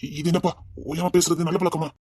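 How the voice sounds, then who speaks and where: A woman voicing a stern older father who gives gruff commands. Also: lowish voice, flat delivery, brisk, a little mellow, dry recording, studio quality, voice pushed down. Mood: commanding.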